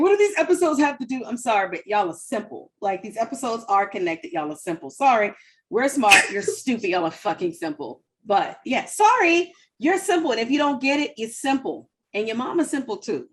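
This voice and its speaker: A woman co-hosting a podcast, chatting casually about a TV episode with blunt, profane rants and a lot of "like.". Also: mid-range voice. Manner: blunt, profane ranting with frequent "like". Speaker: podcast co-host. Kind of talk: casual chat reviewing a TV episode.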